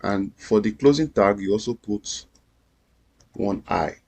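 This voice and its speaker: A man's voice: lowish voice, unhurried, gravelly, darkish tone. A man teaching a screen-recorded coding lesson, explaining each step patiently and repeating himself. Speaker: coding instructor.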